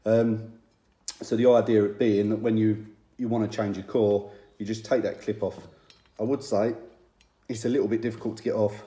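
A plain-spoken man in his thirties with a low, mellow voice gives a casual tool review straight to a phone camera, with frequent ums and restarts. The small room around him leaves a clear, roomy echo on the sound. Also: flat delivery, moderate pace. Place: small indoor room with shelves.

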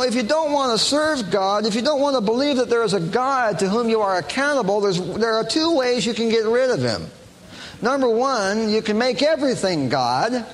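Animated man preaching in an echoing hall. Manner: animated, mimics others in high mocking voices. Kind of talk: lively sermon talk. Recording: long hall reverb, faint background noise.

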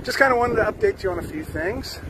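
A man's voice: high voice, lively intonation, fast talker. An older man chatting upbeat with many fillers, recording himself outdoors on a bike ride with a handheld phone. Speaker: musician vlogger. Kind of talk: casual vlog update. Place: outdoors on a sunny street, riding a bike. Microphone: phone camera held close. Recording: faint wind noise outdoors.

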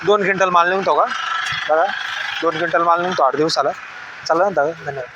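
A man with a high voice, brisk and clipped, quizzing farmers one after another. He echoes every answer back as a question before moving on. Loud open-air market bustle fills the background. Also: muffled recording, background noise. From Maharashtra. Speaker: market reporter vlogger. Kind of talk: quick on-the-spot interviews with farmers. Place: outdoor vegetable wholesale market.

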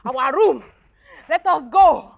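A woman playing an excitable, outspoken young wife in a film drama, exclamatory, with a Nigerian Igbo accent. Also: sits high, takes it slowly, vocal fry, lo-fi sound, full character voice. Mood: overjoyed. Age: young adult.

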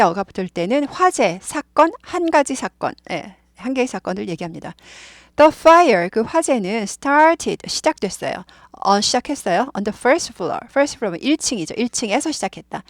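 Animated woman drilling English pronunciation. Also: a little high, no echo, studio quality. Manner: animated, repeats words for drilling. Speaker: English teacher. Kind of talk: online English lesson.

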